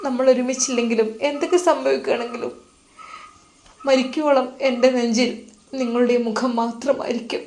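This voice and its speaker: A woman voicing a tender, anxious young pregnant wife who asks high, pleading questions. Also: fairly even intonation, brisk, a little mellow, natural voice.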